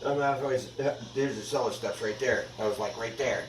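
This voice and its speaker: A man in a rough, rambling telling of his story, dropping curses as he goes. He is heard from a distance in a roomy space. There is faint noise behind him. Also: mid-range voice, moderate pace. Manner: rambling, swears a lot. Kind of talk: casual interview.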